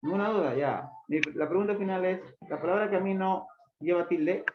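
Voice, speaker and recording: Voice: mid-range voice, normal speed. Insistent teacher quizzing a noisy echoey class. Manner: insistent, quizzing students by name with repeated questions; stern, scolding students for not reviewing the book. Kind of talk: classroom grammar lesson. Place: classroom with students. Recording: echoey room, dull lo-fi sound, loud background noise.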